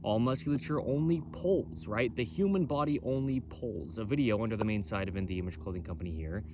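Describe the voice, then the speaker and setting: Speaking for a clothing company, a man gives an impromptu explainer on body mechanics in a loud, carrying voice of fairly low pitch. He's brisk, bold and emphatic, looping back to repeat his points, with some ambient noise in the background.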